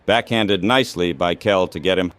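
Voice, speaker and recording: A synthetic text-to-speech man's voice calls baseball radio play-by-play in short, clipped phrases. The voice is low-pitched yet fairly bright and clean, at a moderate pace.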